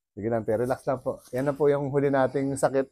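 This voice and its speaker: A man's voice: medium pitch, dark tone. A Filipino man working as a bone setter, talking a client through treatment in a soothing, coaxing way with frequent laughs. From Philippines.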